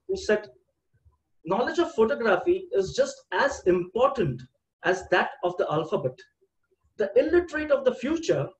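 A man's voice: high voice, darkish tone, dull audio, a little hiss or hum. An older man giving an online seminar presentation over a video call, with a headset mic and a hesitant manner full of "uh" and repeated words.

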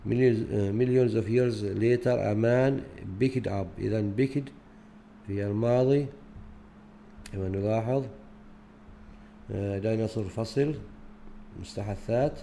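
Male teacher with a Gulf Arabic accent, dark mellow tone, hesitant explanatory delivery that mixes Arabic and English words. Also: mid-range voice, a little hiss or hum. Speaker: teacher explaining a grade-four English unit. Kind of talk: recorded lesson walkthrough.

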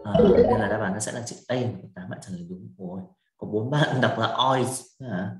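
Low-voiced man teaching in an echoey room. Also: a little fast, dark tone. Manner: patient, explains step by step, checks with "right?". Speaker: English pronunciation teacher. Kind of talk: online quiz review lesson. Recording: echoey room with faint music.

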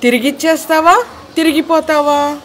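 A woman's voice: high voice, moderate pace, fairly bright tone, slight background noise, voice pushed up. A woman doing a shrieking, demanding magic coin. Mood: shrill demanding. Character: shrill nagging talking coin.

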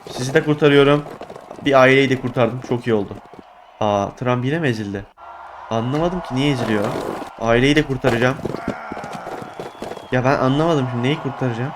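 A young man giving excitable let's play commentary, exclaiming and groaning at his failures. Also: medium pitch, a little fast, long pauses, background noise. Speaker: gaming YouTuber.

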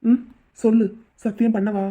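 A woman voicing a devoted rich young man in a cartoon drama, husky and pleading. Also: fairly high pitch, flat delivery, moderate pace, mellow, lightly acted. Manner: pleading, tender. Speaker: voice actor. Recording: tinny phone-like audio.

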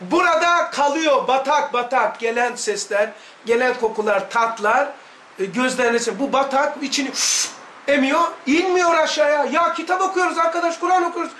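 A man's voice: extremely high pitch, normal speed, bright, forceful tone, roomy sound, a little hiss or hum. A man with a Laz Turkish accent, giving an emphatic religious lesson full of repetition and rhetorical questions. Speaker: religious study teacher.

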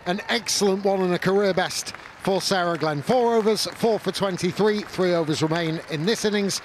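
A man giving measured cricket analysis, rising to shouts when wickets fall. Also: high-pitched, slight background noise. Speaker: cricket co-commentator. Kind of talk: live sports analysis. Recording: commentary mic with stadium crowd behind.

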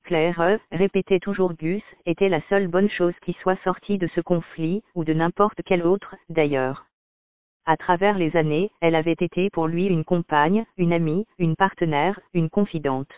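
A man narrates a story in first person with a calm, measured reading. His voice is fairly high and crisp. The sound is dry, with no room, and thin like a phone line. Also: dry recording. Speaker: audiobook narrator. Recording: dry, tinny phone-like audio.

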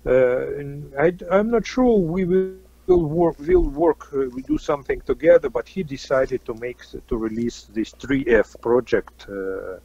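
Slow, halting man with a Russian accent. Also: fairly high pitch, very animated, creaky, mellow, slightly rough, dry recording, muffled recording. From Kazakhstan. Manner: halting, many fillers and restarts. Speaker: interview guest, musician. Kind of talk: casual interview answers.

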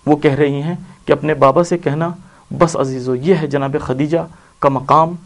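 Emotional male preacher, higher voice. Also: fairly even intonation. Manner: emotional, swings between loud cries and low hushed lines. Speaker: religious speaker. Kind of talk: devotional sermon with storytelling.

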